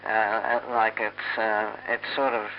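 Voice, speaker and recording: A man with a low, very flat voice talks haltingly over amateur radio. His phrases come in hesitant pieces with long gaps, as casual on-air operator chat. The sound is dull and lo-fi, like a radio transmission. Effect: heard over amateur radio transmission. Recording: dull lo-fi radio, hum and hiss.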